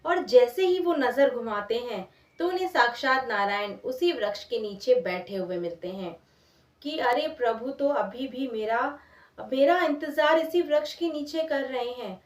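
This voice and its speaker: With a high voice, lively intonation, and a measured pace, a woman who hosts a channel narrates a moral story in plain, conversational words. She repeats phrases for emphasis, and the recording has a roomy echo, with her placed far from the mic.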